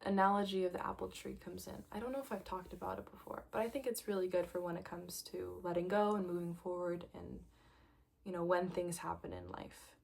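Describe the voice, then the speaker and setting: A woman giving a casual tarot reading to camera, gentle and reflective, laughing lightly and sometimes dropping to a soft near-whisper. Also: fairly low pitch, fairly even intonation, brisk, vocal fry, breathy edge. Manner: laughs lightly between thoughts. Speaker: tarot reader.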